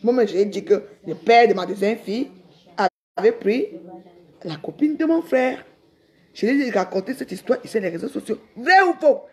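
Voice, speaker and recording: A woman's voice: mid-range voice, expressive, normal speed, warm tone. A middle-aged woman, ranting defiantly on a live stream and rambling with repeated words. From Cameroon. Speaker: social media livestreamer.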